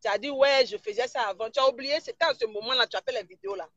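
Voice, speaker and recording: A woman's voice: fairly high pitch, very fast, fairly bright tone, no echo, dull audio. A woman blogger, ranting mockingly and insulting someone during a live stream. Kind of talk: live-stream gossip rant.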